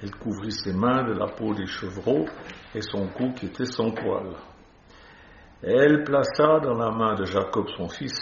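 A man's voice: lowish voice, gravelly, slight background noise. A man preaching a sermon, reading scripture aloud and breaking off for chatty, playful asides. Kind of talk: sermon, Bible reading with commentary. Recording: echoey, slightly dull recording.

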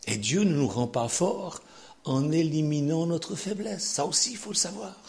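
An older man preaching a sermon, sarcastic and animated, dropping to low asides and rising to shouted peaks. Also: gravelly.

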